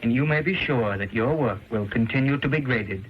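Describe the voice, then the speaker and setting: A man's voice: mid-range voice, normal speed, close to an everyday voice. An actor playing a stern, dryly teasing male professor in the formal, stagey manner of an old 1920s movie, on a crackly, muffled film soundtrack. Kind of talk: stagey early-talkie 1920s movie acting.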